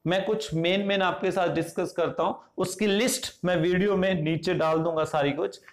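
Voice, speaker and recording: A man with an Indian accent teaching English phonetics. He goes slowly and deliberately, asking questions and answering them himself. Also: high voice, steady tone. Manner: slow, deliberate, asks and answers his own questions. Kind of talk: classroom-style lesson explanation.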